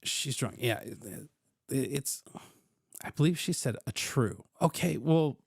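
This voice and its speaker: A man's voice: mid-range voice, expressive, a little slow, vocal fry, breathy edge, no room sound, studio quality. A man hosting a casual reaction commentary, often repeating words as he stumbles, and swearing now and then. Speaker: commentator host.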